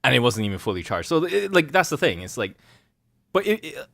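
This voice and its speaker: A young man co-hosting a casual gaming podcast, talking in an animated way, swearing and laughing often. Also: medium pitch, brisk, vocal fry, no echo, studio quality. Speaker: podcast co-host.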